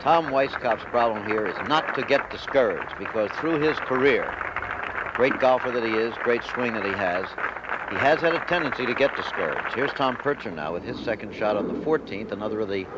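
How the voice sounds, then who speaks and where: A man giving measured, descriptive live golf commentary on an old television broadcast. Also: fairly low pitch, expressive. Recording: dull, noisy vintage TV broadcast.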